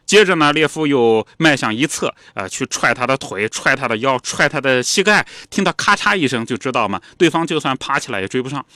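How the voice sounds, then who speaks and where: A man co-hosting a podcast, narrating a story in a chatty, animated way. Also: mid-range voice, brisk, hardly any pauses, dry recording, studio quality.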